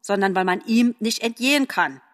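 A woman's voice: mid-range voice, moderate pace, fairly bright tone, in a large hall, lightly acted. A woman voicing a bitter, gloomy crow in a storybook, speaking scornfully.

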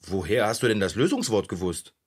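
A man playing an excitable bike repairman. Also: brisk, breathy edge. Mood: excited. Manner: excitable, swoops wildly in pitch. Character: cheerful, optimistic male bicycle repairman. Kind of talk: children's radio play acting.

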